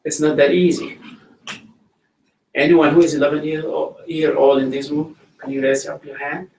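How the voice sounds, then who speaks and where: A middle-aged man from South Sudan, speaking English with a South Sudanese accent, giving a plain, slow storytelling talk to schoolchildren in a school library. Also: fairly high pitch, level tone, darkish tone, slight background noise. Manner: plain, slow-paced storytelling, addressing children directly. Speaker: guest speaker. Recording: roomy hall audio from a distance.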